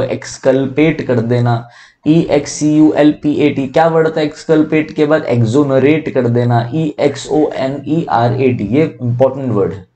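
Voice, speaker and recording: A young male tutor with a dark, mellow voice works through an exam vocabulary list. He explains in Hindi, mixes in English terms and drags out each English definition slowly. He spells words letter by letter and keeps asking what the word is called. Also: mid-range voice. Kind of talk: exam-prep vocabulary lesson.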